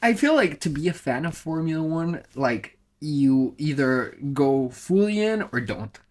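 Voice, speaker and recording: A man's voice: on the high side, big pitch swings, unhurried. A man from Colombia, a motorsport content creator, talking casually in an interview, thoughtful and full of fillers and restarts. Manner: reflective, with many fillers and restarts.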